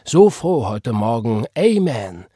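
A man's voice: medium pitch, very animated, slow, dark tone, breathy edge, dry recording, studio quality, full character voice. A man voicing a fervent churchwoman who speaks pious, emphatic lines with a raised voice. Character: fervent churchwoman, loud and exclaiming.

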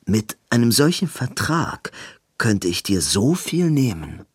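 A man reading an audiobook, voicing a hesitant man in a low, slow, hushed delivery. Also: sing-song, husky, no echo, clean studio sound, exaggerated voice. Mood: strained.

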